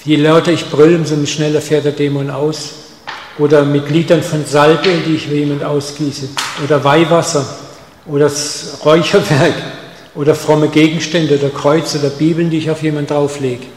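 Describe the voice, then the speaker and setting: A man preaching a sermon, speaking straight to his listeners with rhetorical questions, dropping soft and then pushing lines out with stress. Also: on the high side, flat delivery, moderate pace. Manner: emphatic, direct address with rhetorical questions; swings between soft intimate lines and loud stressed ones. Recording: echoey hall with long reverb.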